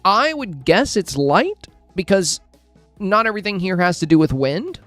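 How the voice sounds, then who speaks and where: A man's voice: high-pitched, big pitch swings, normal speed, fairly bright tone, dry recording, faint music behind. A man streaming a casual review of game screenshots, friendly and thinking aloud with plenty of fillers and restarts. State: hiccuping, with a headache.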